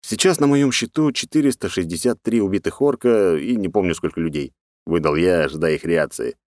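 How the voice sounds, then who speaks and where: A man narrating a first-person fantasy audiobook in a sardonic, rough-edged, casually swearing manner. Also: low-pitched, animated, fairly quick, a little mellow, dry recording, clean studio sound.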